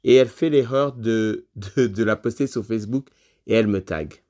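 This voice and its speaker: Low-voiced man telling a personal story. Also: normal speed, a little mellow. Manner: conversational, loose phrasing with frequent fillers. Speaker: podcast guest.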